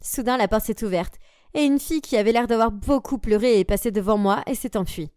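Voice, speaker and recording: A young woman narrating a story aloud in an animated, expressive way. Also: fairly high pitch, brisk, smooth, no echo, studio quality.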